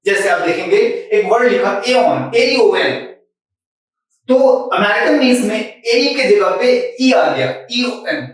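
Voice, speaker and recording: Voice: mid-range voice, lively intonation, slow pace, heavy reverb, recorded from a distance, low-quality recording. A Hindi-speaking teacher explains English spelling rules, spelling words out letter by letter and mixing in English terms. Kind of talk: spelling lesson.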